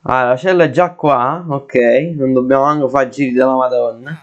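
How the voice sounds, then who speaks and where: Jittery gamer, dull sound. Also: male voice, mid-range voice, fairly even intonation, moderate pace. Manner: jittery, exclaiming and swearing in fright. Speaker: gaming video creator. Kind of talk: let's play commentary.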